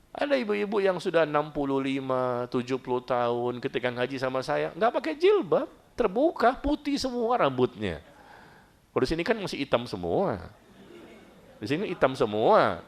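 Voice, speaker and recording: Joking his way through a humorous sermon for a study gathering, a middle-aged man frequently leaps up in pitch to stress his points.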